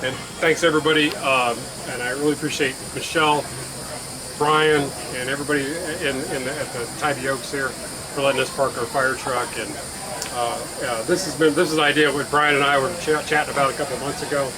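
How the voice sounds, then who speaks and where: A middle-aged man chatting casually, speaking haltingly and trailing off mid-sentence. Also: medium pitch, level tone. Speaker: guest eating hot wings in a challenge. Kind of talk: casual chat. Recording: noisy outdoor setting with hiss.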